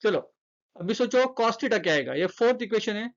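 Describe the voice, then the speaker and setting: A woman's voice: mid-range voice, animated, lo-fi sound. A woman with an Indian accent teaching a math lesson, explaining step by step and repeating her terms. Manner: explains slowly step by step, repeats terms, mixes English and Hindi. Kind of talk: classroom math lecture.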